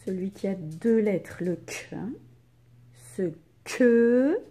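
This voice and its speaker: A woman's voice: medium pitch, measured pace, mellow, husky. A woman teacher giving a dictation to young children, spelling out letters and sounds and stressing each syllable.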